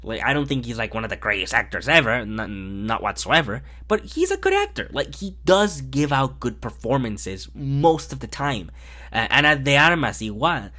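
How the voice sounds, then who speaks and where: Man, film reviewer, casual review, blunt, exasperated, swears freely, lively swinging pitch. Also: normal speed.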